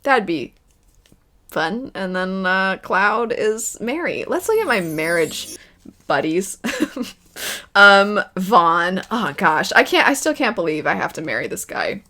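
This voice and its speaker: A woman's voice: medium pitch, big pitch swings, takes it slowly, bright, forceful tone. A woman hosting a casual chat, thinking aloud in a wavering, self-deprecating way. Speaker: video host. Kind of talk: casual chat, playing a pick-one game about video game characters.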